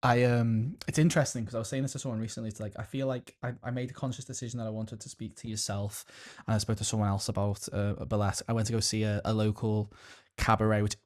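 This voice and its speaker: Fast, rambling man host. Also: lowish voice, fairly even intonation, a little mellow. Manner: quick, rambling, jokey. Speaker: podcast host. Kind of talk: casual chat.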